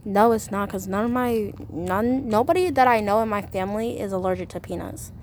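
A woman's voice: medium pitch, a little fast, darkish tone, slight background noise. A young woman, a college student, talking as a podcast guest in a chatty way, full of "like". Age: young adult. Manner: chatty, fills speech with "like". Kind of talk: casual chat.

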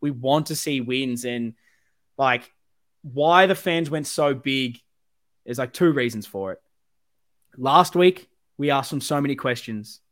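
A man's voice: medium pitch, unhurried, pauses often, a bit bright. A man with a broad Australian accent hosting a football fan podcast, talking in an emphatic, rambling, sweary and passionate way. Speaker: podcast host.

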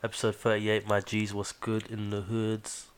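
A man with a fairly low voice and a London roadman accent hosts a podcast. He chats casually in thick street slang. Swear words slip in easily as he talks. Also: monotone, moderate pace, a crowd in the background. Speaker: podcast host.

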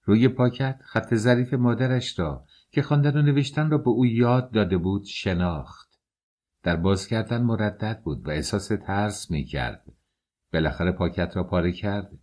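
A man reading a classic novel aloud as an audiobook narrator, in a measured, expressive way. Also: lowish voice. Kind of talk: scripted literary narration.

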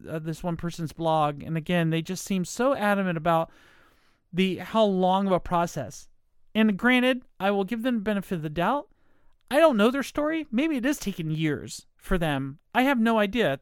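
A woman's voice: lowish voice, clean tone, dry recording, clean studio sound. A middle-aged American woman in a casual, rambling, apologetic monologue, emphatic at times, her speech slightly impeded by dental aligners. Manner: rambling, circling back, apologetic.

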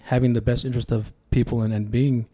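Guesting on a casual podcast, a man from Sacramento, California who grew up speaking Tongan and is running for office tells stories reflectively. He talks fast in a mid-range, dark voice with a level tone.

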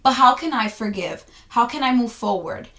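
Reading from her own journal, this young Dominican journaling vlogger sounds soft, earnest and reflective, with a Dominican accent. Her voice sits a little high, is expressive, and keeps a normal pace.

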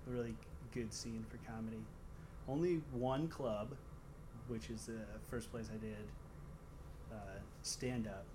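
A man's voice: on the low side, measured pace. Casual male talker, Michigan Great Lakes accent, rambling and dryly funny, noisy ambient recording. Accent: Michigan, Great Lakes American. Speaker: stand-up comedian guest. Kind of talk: casual chat.

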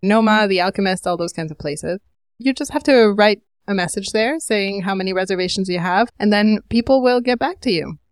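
A woman's voice: medium pitch, a little fast, clear, resonant tone, no echo, clean studio sound. Chatty woman telling a wry anecdote. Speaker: correspondent. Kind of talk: casual podcast storytelling.

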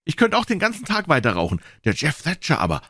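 Man voicing a bragging young boy, high-pitched, excited, lively swings, storybook reading. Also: fast, no room sound, clean studio sound, exaggerated voice. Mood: boastful. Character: boastful young boy Tom, eager show-off.

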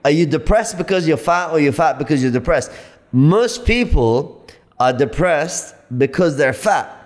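A man in his late thirties arguing his point in a casual podcast chat, emphatic and animated, often repeating himself. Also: on the high side, a little slow. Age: 30s. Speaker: podcast guest.

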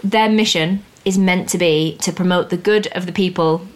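A young woman hosts a casual finance podcast, breaking exam topics down in plain, upbeat talk. Her voice sits a little low. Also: steady tone, moderate pace. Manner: explains plainly, chatty and upbeat. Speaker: podcast host teaching finance exams.

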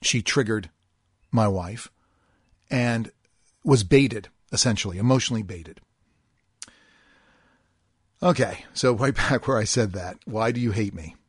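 A middle-aged man with a slightly husky voice hosts a podcast and talks straight to his listeners. He speaks earnestly and deliberately and leans on key words. The sound is close and dry, with no room around him. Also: lowish voice, no room sound. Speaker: podcast host. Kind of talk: podcast monologue reading a listener posting.

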